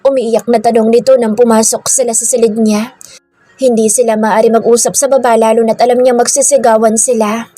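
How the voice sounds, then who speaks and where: A woman narrating a romance audiobook with a steady, even reading. Her voice sits fairly high with a dark, mellow tone, recorded dry and close over faint background music. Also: brisk, no echo. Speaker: storyteller.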